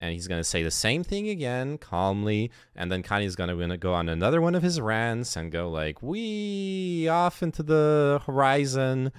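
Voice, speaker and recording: A man's voice: low voice, sing-song, brisk, few pauses, clean tone, no room sound, studio quality. A man giving sarcastic, exasperated reaction commentary on a podcast clip, swearing often.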